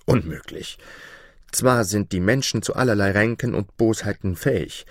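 Guy reading a gentle mountain spirit in disguise, low and soft, storybook. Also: moderate pace, no room sound, clean studio sound, natural voice. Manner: gentle, consoling.

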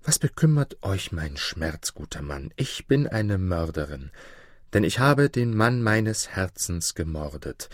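A sorrowful young maid, as a male narrator puts her on, lamenting with her voice lifted higher than his own. The storybook reading sounds dry and close. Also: sing-song, a little slow, no room sound. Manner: lamenting, tearful. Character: grieving young maid full of guilt.

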